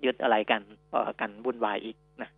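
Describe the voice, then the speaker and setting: A man co-hosting a finance radio talk show, explaining policy in a measured way with many fillers. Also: medium pitch, flat delivery, gravelly, slightly rough, no room sound, soft background music. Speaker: radio co-host. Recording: dry, phone-like narrow band.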